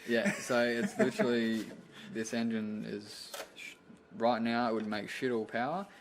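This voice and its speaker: A man's voice: medium pitch, fairly even intonation, normal speed, background noise. A man chatting casually as a vlog host, laid-back, slangy and sweary. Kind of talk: casual car vlog chat.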